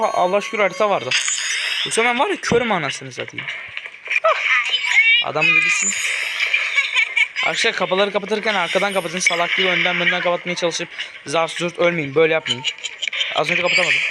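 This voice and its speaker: A man's voice: sits high, very noisy. A young man from Turkey giving casual, joking commentary on a horror game as he plays, often swearing and yelping at it. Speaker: gaming YouTuber. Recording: loud game music behind the voice.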